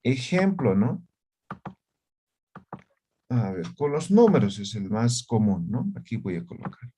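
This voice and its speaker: A man's voice: mid-range voice, expressive, a little slow, warm tone, slight background noise. A man teaching an online language class over a video call, who checks in often with short questions.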